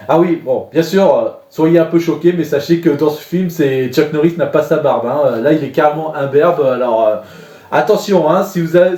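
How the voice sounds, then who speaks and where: A man's voice: on the high side, warm tone, reverberant. A man rambling casually about films from his collection, with many fillers and restarts. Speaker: DVD collection vlogger. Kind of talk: casual spoken film reviews.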